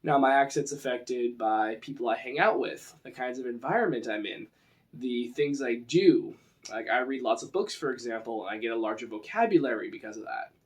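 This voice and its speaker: Here a western US man, Western American accent and all, talks viewers through tabletop roleplaying in a relaxed, conversational teaching style. He speaks fairly quickly in an expressive mid-range voice.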